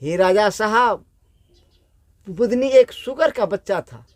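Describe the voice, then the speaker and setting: A man's voice: high voice, expressive, slow. A man voicing a grieving old village woman who repeats her lament in a plaintive way, in a storytelling reading. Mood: mournful.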